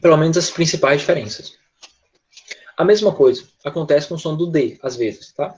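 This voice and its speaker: A male English teacher explaining pronunciation in an online class, patient, often checking in with quick tag questions. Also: fairly high pitch, muffled recording.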